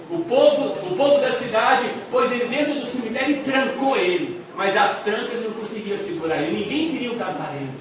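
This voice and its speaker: A man preaching a sermon as a missionary, animated and storytelling, acting out voices from Bible stories. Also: high voice. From Brazil. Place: church hall. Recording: echoey church hall, mic far off, audible noise.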